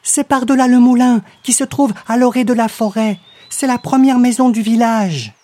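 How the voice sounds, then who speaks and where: A man doing a naive little storybook girl. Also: darkish tone. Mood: innocent. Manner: high, quick, innocent little voice.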